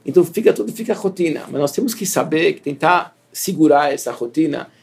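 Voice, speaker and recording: A man giving a Torah lesson to yeshiva students, his voice gravelly and a touch husky, pitched a little high for a man. He teaches earnestly, repeats key phrases and asks rhetorical questions. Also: expressive, fast, darkish tone. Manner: earnest, repetitive, rhetorical questions, mixes Hebrew terms. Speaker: yeshiva rabbi.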